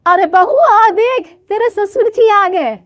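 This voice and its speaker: A woman's voice: very high voice, slow pace, a bit bright, no echo, pitched above the performer's own voice, heavily acted. Woman doing a bossy old mother-in-law.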